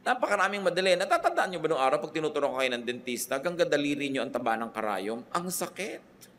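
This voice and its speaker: A man's voice: on the high side, sing-song, very fast, a bit bright. An older man with a Filipino accent, a pastor delivering a sermon, switching freely between Tagalog and English and asking his listeners rhetorical questions. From Philippines.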